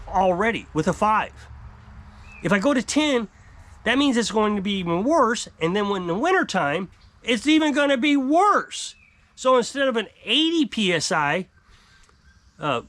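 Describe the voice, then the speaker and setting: A man's voice: sits high, a bit bright. A man in his fifties ranting to camera outdoors on a porch, exasperated and emphatic as he talks about his homestead life. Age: 50s. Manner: exasperated, emphatic, gesturing widely. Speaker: off-grid homestead vlogger. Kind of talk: frustrated rant to camera. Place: outdoor covered porch by woods.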